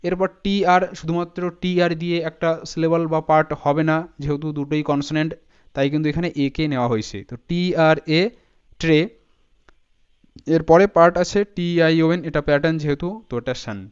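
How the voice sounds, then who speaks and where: A male English teacher, giving a spoken lesson and slowly spelling out words letter by letter and syllable by syllable. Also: fairly high pitch, steady tone, clear, resonant tone. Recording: dull lo-fi sound.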